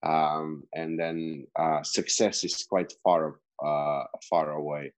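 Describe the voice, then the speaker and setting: A man's voice: extremely low pitch, flat delivery, slow pace, poor audio. A middle-aged man from Slovenia, a podcast guest and business coach, talking in a rambling, chatty way with many fillers and restarts. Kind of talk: casual interview answer.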